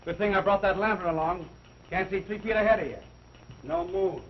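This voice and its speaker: A man's voice: sits high, fairly even intonation, a little fast, natural voice. An actor playing a skeptical male railroad worker, dry and matter-of-fact. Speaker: railroad signal man. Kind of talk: 1930s film acting. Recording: dull, hissy early sound film.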